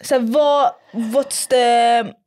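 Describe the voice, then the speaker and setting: A woman in her twenties hosting a podcast, chatting casually and giggling with her guest. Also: on the high side. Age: 20s. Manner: giggly, animated interviewer. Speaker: podcast host. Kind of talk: casual chat.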